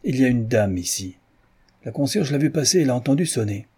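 Man doing a gruff boastful police inspector. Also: mid-range voice, expressive, moderate pace, mellow. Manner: gruff, blunt. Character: brusque, boastful middle-aged police inspector.

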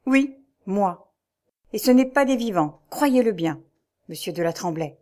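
A grave, haunted nobleman in a storybook reading, as a woman reads his part. He speaks in a sombre, halting way, weighed down by fear. The voice sits at a middle pitch. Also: expressive, a little mellow, lightly acted. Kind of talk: audiobook reading.

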